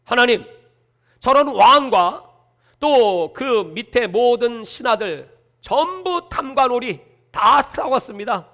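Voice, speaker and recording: Guy doing an upset prophet begging god, high bright voice. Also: exaggerated voice. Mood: pleading. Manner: exasperated, pleading. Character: the prophet Habakkuk, an indignant pleading man.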